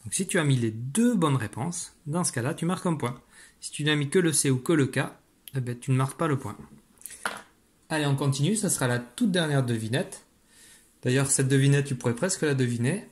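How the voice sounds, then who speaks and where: A man's voice: mid-range voice, animated, a little fast, slightly rough. A man teaching young children in a recorded video lesson, giving patient step-by-step instructions as he writes on a slate.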